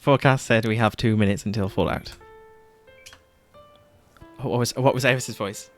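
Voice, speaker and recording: A man with a lowish voice streams a game at normal speed while soft music plays behind him. He chats casually, laughs a lot, and reads the game's text out loud.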